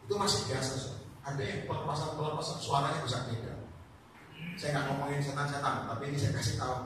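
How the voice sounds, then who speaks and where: A man's voice: fairly high pitch, fast talker. A man preaching as an evangelist at a home prayer meeting, telling stories animatedly and calling out to his listeners. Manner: animated storytelling, addresses listeners as brothers. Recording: echoey room, distant mic, noisy.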